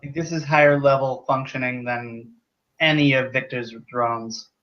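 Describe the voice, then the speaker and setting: A man's voice: medium pitch, fairly even intonation, moderate pace, a bit bright, dull audio. A man acting as game master of a tabletop role-playing game, easygoing as he narrates the scene.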